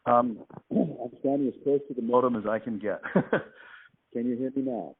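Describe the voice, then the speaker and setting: A man's voice: mid-range voice, moderate pace, husky. A man talking on a phone call, laid-back and hesitant, with a patchy, cutting-out line. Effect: heard over a phone line. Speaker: artist taking a phone call.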